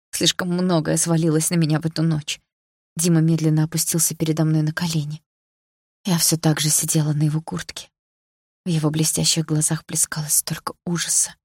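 Female audiobook narrator, intimate reading, low and husky. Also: little pitch movement, a little fast, darkish tone, no room sound, clean studio sound. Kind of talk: scripted first-person narration.

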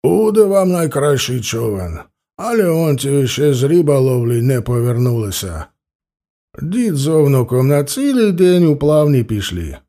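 Male reader as Cossack sergeant, Ukrainian accent, folksy, warm-dark. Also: mid-range voice, sing-song, unhurried. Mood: hearty. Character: Cossack sergeant, older man, hearty and obliging.

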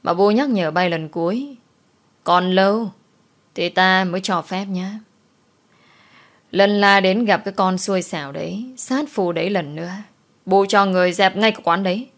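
A woman voicing a vain, sharp-tongued rich mistress who scolds and mocks. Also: medium pitch, moderate pace, natural voice. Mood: sour. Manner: scolding, sour and mocking.

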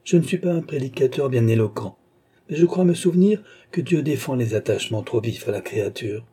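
A man's voice: mid-range voice, lively intonation, mellow, slightly rough. A man voicing a grave, lecturing old doctor. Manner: measured, lecturing. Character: grave older male doctor, a reasoning philosopher.

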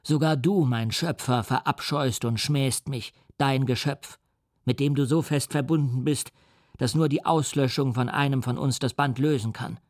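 Male reader doing the creature: huge, wretched, proud, menacing. Grave, measured, dry sound. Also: medium pitch, a little mellow, no echo, natural voice.

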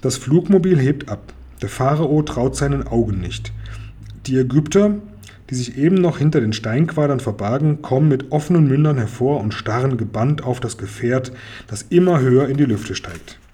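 A man reading a children's audiobook as narrator, telling the story in a lively way. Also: medium pitch, moderate pace, slightly rough.

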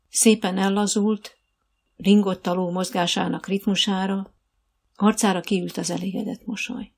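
A woman narrating an audiobook in an even, measured storytelling manner. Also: medium pitch, creaky, slightly rough. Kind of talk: scripted narration.

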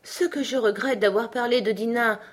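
A woman's voice: on the high side, expressive, fairly quick, pitched above the performer's own voice. Woman voicing Alice, an eager young girl. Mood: earnest. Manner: earnest, eager to please.

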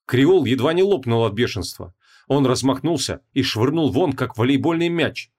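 A man reading a fantasy audiobook with a dramatic, expressive delivery. His pitch sits in a middle range but moves lively and animated through the lines. The narration is scripted and steadily told. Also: normal speed.

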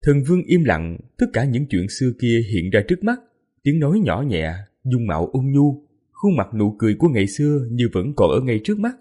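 A man's voice: medium pitch, very animated, fairly quick, dark tone, slightly rough. A man reading a fantasy novel aloud in a dramatic, mournful narration style. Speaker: audiobook narrator. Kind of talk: scripted narration.

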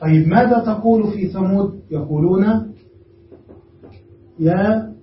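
This grammar teacher has a high-sitting voice and speaks a little slowly. He walks his class through the lesson step by step, often checking that they've understood. The audio is a dull, distant lo-fi room recording with a roomy feel and faint noise.

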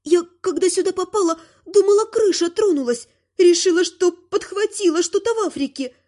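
A woman reading an audiobook, voicing a disorganized grown daughter who is now a dark ruler, speaking in an exclaiming, pleading way. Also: very high-pitched, normal speed, voice pushed up. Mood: emotional.

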